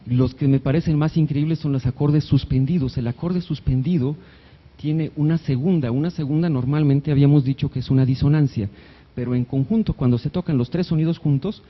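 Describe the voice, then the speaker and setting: A man's voice: mid-range voice, dull audio. A man, a doctor, giving a conversational, jokey live lecture on music theory to an audience, now and then singing short note examples. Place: hospital event hall.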